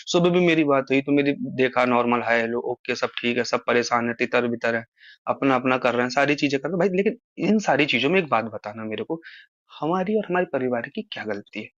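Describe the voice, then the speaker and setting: Mid-range, animated, and a little fast, a man's slightly bright voice carries over a muffled, lo-fi phone call with no echo. In easygoing conversation, he explains himself at length and appeals to his listener.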